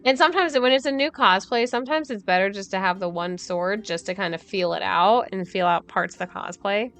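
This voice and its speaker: A woman's voice: mid-range voice, brisk, fairly bright tone, clean tone, soft background music. A woman streaming a game, chatting casually and thinking aloud while she plays, with frequent laughs. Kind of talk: casual gameplay commentary.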